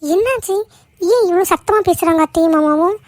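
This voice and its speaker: Gentle young daughter-in-law. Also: female voice, very high voice, a little fast, dry recording, studio quality. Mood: worried. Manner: pleading, soothing. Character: caring young daughter-in-law, anxious peacemaker. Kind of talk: cartoon voice acting.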